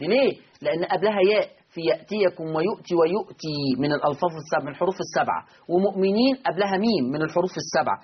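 An Egyptian man teaching Quran recitation rules, patiently repeating each rule, asking and answering his own questions and slowly chanting example words. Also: high voice, lo-fi sound, slight background noise. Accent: Egyptian Arabic. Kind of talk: recorded lesson.

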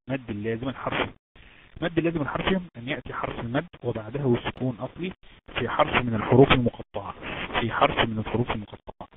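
A man with an Egyptian accent teaching Quran recitation rules in an online lesson, explaining step by step and quizzing his students. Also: medium pitch. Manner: explains step by step, asks students questions, drawn-out chanted examples. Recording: tinny noisy phone-like line.

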